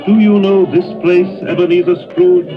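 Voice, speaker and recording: Actor as solemn, commanding Ghost of Christmas Past. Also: male voice, high-pitched, steady tone, music in the background, a crowd in the background, close to an everyday voice. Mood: calm probing. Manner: measured, formal, stern questioning. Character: solemn, commanding male ghost spirit, calm and probing. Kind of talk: 1930s radio drama acting. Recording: noisy, dull vintage radio broadcast.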